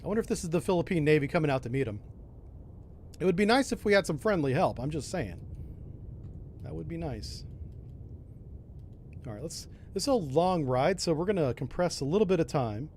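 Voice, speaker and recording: Guy with a slightly high voice playing a sub game, thinking out loud, rumble behind him. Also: sing-song, brisk, long pauses. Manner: thinking aloud, mild exclamations. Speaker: gamer, host. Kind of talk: casual submarine game commentary.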